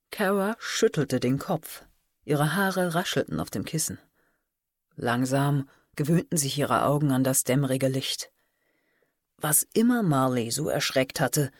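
Low woman reading an audiobook, lively pitch, dry close sound. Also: dry recording. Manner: measured, expressive storytelling. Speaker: audiobook narrator. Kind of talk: scripted audiobook narration.

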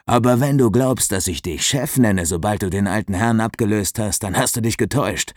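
Man voicing a brash young man, blunt, joking, low voice, dry close recording. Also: a little fast, no room sound, lightly acted. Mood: ribbing. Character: brash young man, best friend and brother.

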